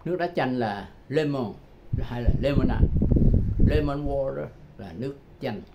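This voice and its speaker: An older man giving a casual, chatty English lesson, repeating phrases slowly and chuckling often. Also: medium pitch. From Vietnam. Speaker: English tutor. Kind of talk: casual self-made language lesson. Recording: dull lo-fi sound with loud background noise.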